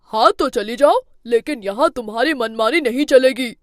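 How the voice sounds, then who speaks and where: A woman's voice: a little high, normal speed, dry recording, clean studio sound, lightly acted. A woman voicing a young husband who firmly backs his mother in a cartoon story. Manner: firm, reproachful.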